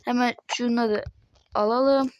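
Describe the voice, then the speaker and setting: A woman's voice: fairly high pitch, steady tone, slow, a little hiss or hum, rough recording. A young woman from Turkey casually narrating a game mod showcase, rambling with constant fillers and addressing her viewers again and again. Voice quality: voice tone altered, may sound odd. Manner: rambling, says "arkadaşlar" constantly, many fillers. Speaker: gaming channel host.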